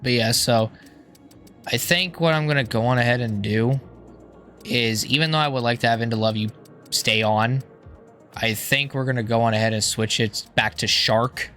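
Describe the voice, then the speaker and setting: A man with a hoarse, strained voice giving casual, rambling gameplay commentary, thinking aloud in an informal way. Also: mid-range voice, normal speed, bright, forceful tone, soft background music. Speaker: gaming YouTuber.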